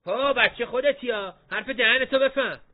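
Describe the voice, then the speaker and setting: A man voicing a bossy, hot-tempered thirteen-year-old boy in an audiobook story, speaking in fast boyish bursts. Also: very high voice, phone-quality sound, voice pushed up. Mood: angry.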